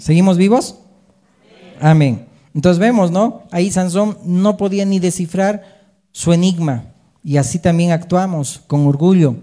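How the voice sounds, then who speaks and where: Pastor guy preaching, kinda high voice, warm and soft, keeps asking the crowd amen?. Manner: preaching with rhetorical questions and call-and-response amens. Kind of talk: sermon.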